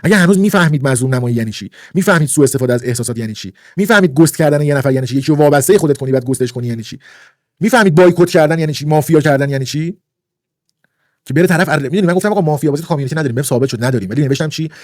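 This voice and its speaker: A man's voice: fairly high pitch, a little mellow, no room sound, clean studio sound. A man ranting indignantly on a livestream, lecturing and repeating his points for emphasis. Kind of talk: heated livestream rant.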